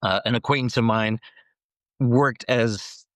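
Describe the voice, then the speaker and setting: Older male guest, mid-pitched, laughing storyteller, dry booth sound. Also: steady tone, slow pace, no room sound. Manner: chuckling anecdote teller, trailing off into laughs. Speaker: guest cartoonist. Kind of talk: casual storytelling.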